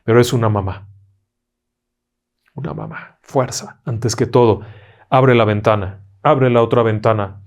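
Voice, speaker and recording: A man narrating ghost stories dramatically, dropping to a hush in tense moments. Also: medium pitch, steady tone, moderate pace. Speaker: storyteller host.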